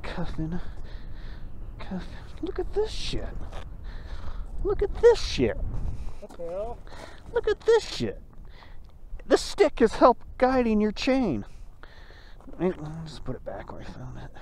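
A young motovlogger with a high, a little mellow voice whose pitch swoops wildly talks slowly with frequent pauses as he rides a mountain road. His helmet-cam commentary is profane, joking and rambling, picked up by the helmet camera mic with wind and engine noise behind.

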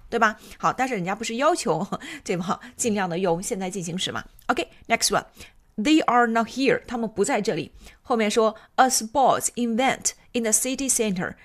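Woman English teacher, slightly higher voice, patient step-by-step explainer who keeps asking rhetorical questions. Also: fairly bright tone. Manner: switches between Chinese and English example sentences. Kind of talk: recorded grammar lesson.

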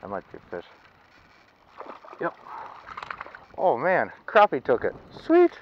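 On a small boat out on a lake, a chatty man vlogs his fishing trip into an action camera fixed to the boat, mostly talking to himself. His medium-pitched voice swings wildly in pitch and moves slowly, with the highs cut off and a little hiss or hum.

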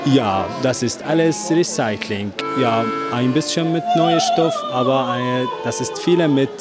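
Slow man, cheerful. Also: medium pitch, wildly swooping pitch, over loud music. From Syria. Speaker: interviewee. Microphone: handheld mic.

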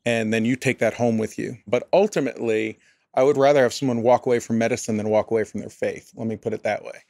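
A man's voice: medium pitch, fairly even intonation, fast, creaky, darkish tone, no echo, studio quality. A man, a pastor, answering interview questions in an earnest, thoughtful way, often restarting his sentences. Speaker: pastor and area director, podcast guest.

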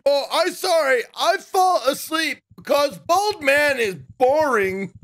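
A man's voice: very high-pitched, lively intonation, slow pace, a bit bright, pitched above the performer's own voice, heavily acted. A man voicing a dim-witted, childlike female half-ogre in a video game, with a dopey cartoon bellow and blunt broken grammar. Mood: dopey, bored. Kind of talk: video game role-play.

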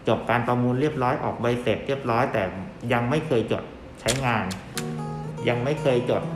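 Male explainer, mid-pitched, courteous customer-service delivery, roomy echo, guitar music underneath. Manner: polite customer-service manner with courteous particles. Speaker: licence plate dealer presenting an explainer. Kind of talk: informal explainer with sales pitch. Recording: echoey room with guitar music behind. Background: plucked guitar music.

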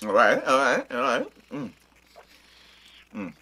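A man with a husky voice chatting casually and playfully as he co-hosts a taste challenge, eating jelly beans while he talks. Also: medium pitch, wildly swooping pitch, slow pace, bright, forceful tone, slight background noise. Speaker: vlog co-host playing a taste challenge.

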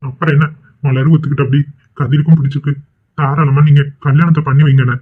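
A man's voice: on the high side, little pitch movement, fast, breathy edge. A man voicing a mild, conciliatory middle-aged father in a cartoon. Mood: calm. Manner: plain, conciliatory. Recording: tinny phone-like sound.

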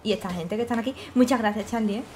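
A woman's voice: fairly high pitch, racing. A woman with a Spanish accent from Spain, streaming a game with casual commentary, swearing and laughing as she plays. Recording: faint game music behind.

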